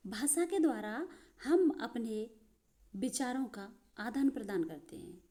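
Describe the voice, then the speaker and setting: A woman's voice: a little high, lively intonation, measured pace, dark tone. A woman teaching a grammar lesson, explaining step by step and addressing viewers as friends.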